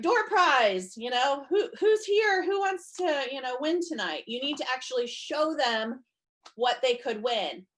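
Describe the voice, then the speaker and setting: A woman coaching sellers in a chatty instructional talk, slightly hoarse from losing her voice and often checking in with her listeners. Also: on the high side. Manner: chatty, checks in with "okay?" and "you guys". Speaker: direct sales trainer.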